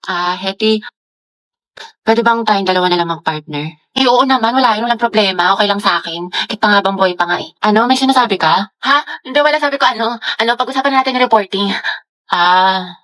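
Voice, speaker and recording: A woman's voice: medium pitch, a little fast, a bit bright, dry recording. A woman acting in a comedic school skit, giddy and dramatic.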